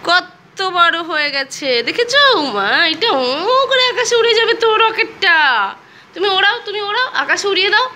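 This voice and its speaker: A woman's voice: very high voice, expressive, moderate pace, pushed and bright, a little hiss or hum. A woman talking to her toddler at home in a coaxing, sing-song way, asking the same questions again and again. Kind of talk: home vlog baby talk.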